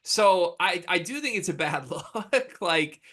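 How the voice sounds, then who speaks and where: A man with an American accent and a slightly higher-than-average voice hosts casual sports talk. He speaks emphatically, leaning on slang and exaggeration as he makes his points. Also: lively intonation, takes it slowly, sharp tone. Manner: emphatic, informal slang with hyperbole. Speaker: sports podcast host.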